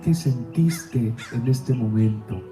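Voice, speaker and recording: A man's voice: high voice, big pitch swings, moderate pace, warm tone, roomy sound, distant mic, soft background music. A man voicing a stern, commanding male emperor who barks orders, while telling a story in a sermon. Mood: cold quiet.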